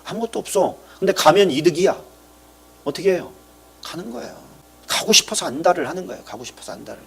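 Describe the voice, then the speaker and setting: A man's voice: high voice, a little fast, gravelly. A male pastor preaching a sermon, asking the congregation questions and acting out short bits of dialogue. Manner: lively preaching, rising to loud emphatic peaks and dropping to quiet asides; acts out dialogue in character voices.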